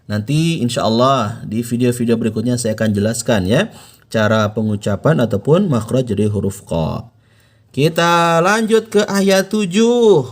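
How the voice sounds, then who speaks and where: An Indonesian man teaching Quran recitation, explaining patiently and slowing down to model each phrase for the listener to repeat. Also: mid-range voice. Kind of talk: instructional explanation with slow demonstrations.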